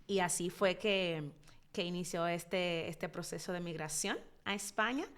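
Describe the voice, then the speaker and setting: A Dominican woman in her thirties, a psychologist guest telling her life story in an interview, expressive and reflective, pausing often as she thinks. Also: on the low side. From Dominican Republic. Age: 30s. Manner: expressive, reflective, with frequent hesitations.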